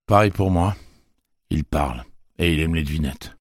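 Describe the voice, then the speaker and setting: A man voicing a sardonic, nervous young man who speaks in quick quips. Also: very deep voice, no echo, clean studio sound. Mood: wry.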